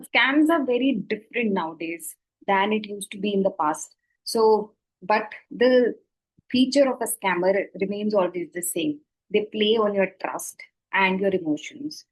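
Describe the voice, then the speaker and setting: A woman's voice: medium pitch, rough recording. A woman with an Indian accent gives a conversational explanatory talk as an educator, acting out short example remarks and checking in with "right?". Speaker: scam awareness educator.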